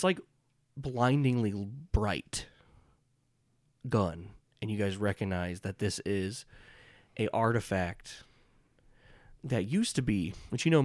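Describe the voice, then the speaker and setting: A man with a fairly low voice runs a tabletop game as its narrator. He improvises descriptions casually and haltingly, picking his way through each detail. The recording is dry and close. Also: dry recording. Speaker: game master and podcast host.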